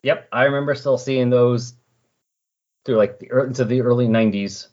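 A man with a medium-pitched, darkish voice talks about comic books at a moderate pace, casual and enthusiastic like a podcast guest. The sound quality is muffled and lo-fi.

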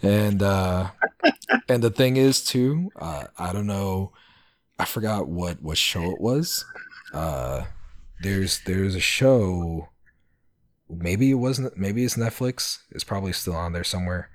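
A man in his thirties in a casual podcast chat, telling stories with frequent laughs and halting restarts. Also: low-pitched. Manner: laughing, halting, animated storytelling. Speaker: podcast co-host.

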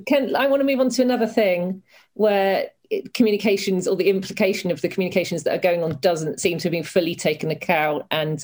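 A woman hosting an interview in a casual, conversational way, with halting, roundabout phrasing. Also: lowish voice, a little mellow. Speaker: interviewer, discussion host.

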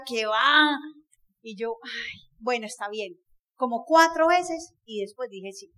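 A middle-aged woman from Colombia giving a lively, jokey storytelling talk to an audience, often asking them questions. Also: high voice. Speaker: motivational speaker.

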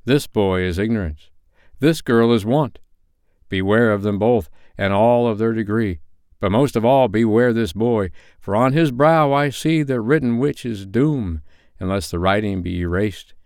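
Man doing a solemn spirit, sorrowful, declaiming, smooth, dry storybook reading. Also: lowish voice, unhurried, no echo, pitched above the performer's own voice. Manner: grave, declaiming, forceful warnings. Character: solemn, sorrowful, aging Christmas spirit, male.

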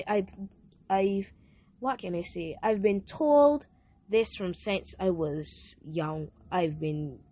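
Sharing her own testimony on a faith talk show she hosts, this young podcaster has a fairly high pitch. A sore throat leaves her slightly hoarse, and her earnest delivery is full of repetition and restarted sentences.

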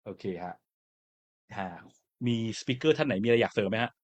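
A man hosting a casual panel discussion, talking in a relaxed, chatty way with lots of fillers. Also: medium pitch, moderate pace. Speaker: podcast host.

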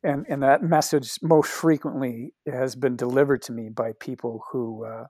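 Male guest from Canada, mid-pitched, gentle and reflective; dry, close recording. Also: fairly even intonation, moderate pace, no echo. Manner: soft-spoken, thoughtful, frequent restarts. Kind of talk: reflective conversation.

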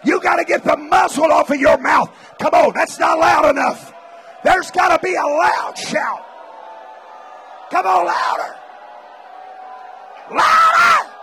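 A man preaches at a revival in a very high, bright, piercing voice, shouting his exhortations over and over. His delivery is slow and drawn out even at full volume. A crowd and faint noise sit behind him in the large church meeting. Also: vocal fry. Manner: repetitive exhortations, speaking in tongues.

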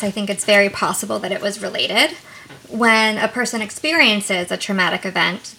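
A woman therapist co-hosting a podcast, explaining things in a calm, measured way. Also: medium pitch, gravelly, breathy edge.

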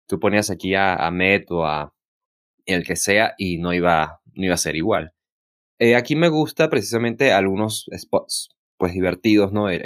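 A man with a low voice talks through his opinions as a podcast co-host. The style is casual and analytical, recorded dry and close. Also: no echo. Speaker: podcast co-host reviewing wrestling.

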